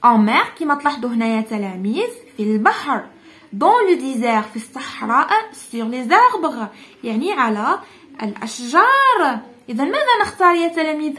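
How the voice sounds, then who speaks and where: A woman with an Algerian Arabic accent teaching pupils a French textbook exercise, saying the French slowly and explaining it more quickly. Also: high voice, big pitch swings, a bit bright. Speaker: primary school teacher.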